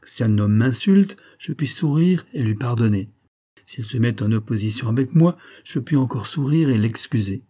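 A man's voice: medium pitch, animated, normal speed, dark tone, close to an everyday voice. A male reader voicing a cold, scheming middle-aged major in an audiobook, menacing but controlled. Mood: coolly menacing. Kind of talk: audiobook character reading.

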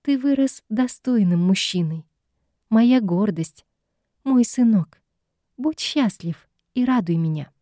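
A woman's voice: on the high side, lively intonation, slow, warm tone, dry recording, studio quality. A woman putting on a gushing, theatrical ghost mother. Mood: tender. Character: doting, meddling ghost mother, middle-aged woman.

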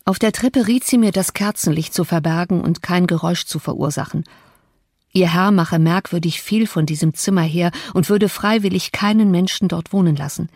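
Female audiobook narrator, measured and expressive, close dry recording. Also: fairly low pitch, no echo. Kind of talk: scripted narration of a classic novel.

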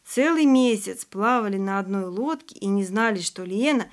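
A woman's voice: medium pitch, animated, normal speed, lightly acted. A woman reading the lines of a cheerful, teasing young male student teacher in an audiobook.

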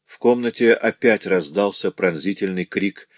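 A man reading an audiobook aloud in measured, dramatic literary narration. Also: sits low, no room sound. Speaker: audiobook reader.

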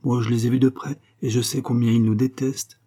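A gloomy, worried young clerk, read by a man narrating an audiobook. He murmurs in a dark, husky voice, hushed and grave. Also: mid-range voice, little pitch movement, fairly quick, natural voice.

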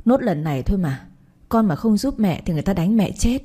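A woman's voice: medium pitch, big pitch swings, fairly quick, mellow, husky. A woman reading a story aloud and voicing a desperate middle-aged mother who pleads and begs her daughter. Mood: pleading. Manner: pleading, tearful.

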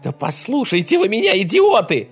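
Shrill, panicky young man pleading for his life, voice cracking high, read by a male narrator. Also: sing-song, brisk, soft background music, heavily acted. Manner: shrill, pleading, breaking into squeals.

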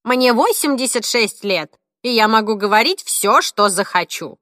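A woman reading an audiobook, voicing a cantankerous 86-year-old woman who snaps and scolds in a shrill, indignant voice. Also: sing-song, moderate pace, fairly bright tone, dry recording, clean studio sound. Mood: defiant.

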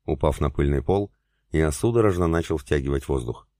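Very deep-voiced male audiobook narrator. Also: moderate pace, a little mellow, no room sound, studio quality. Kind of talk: first-person scripted narration.

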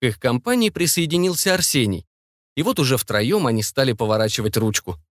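A man narrates an audiobook with a lively, rising and falling delivery. His voice sits at a middle pitch and sounds dry and close to the mic. He reads in a steady, expressive way. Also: fairly quick, no room sound. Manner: expressive reading. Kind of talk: scripted narration.

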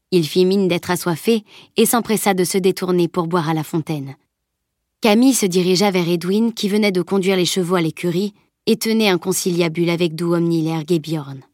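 A woman narrating a novel in an audiobook with a calm, even reading. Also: fairly low pitch, no room sound, clean studio sound. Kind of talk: scripted narration.

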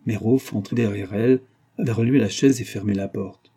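Husky, dark-voiced man reading a novel. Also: on the low side, fairly quick. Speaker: audiobook narrator. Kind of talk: scripted narration.

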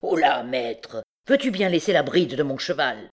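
An arrogant young captain drawls out his insults with lazy contempt, as a woman reads him aloud. His voice is pitched low and heavy. It is an audiobook reading of a classic novel. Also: animated, normal speed. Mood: scornful. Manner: scornful, drawling. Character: arrogant swaggering young male army captain.

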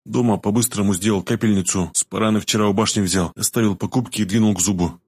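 A man reading a first-person audiobook narration in a calm, matter-of-fact way. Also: fairly low pitch, quick pace, breathy edge, no echo, clean studio sound.

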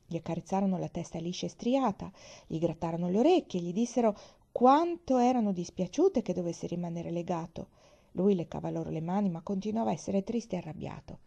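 Woman, audiobook reader, mellow warm tone, gentle measured read-aloud storytelling. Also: lowish voice, lively intonation, gravelly, highs cut off.

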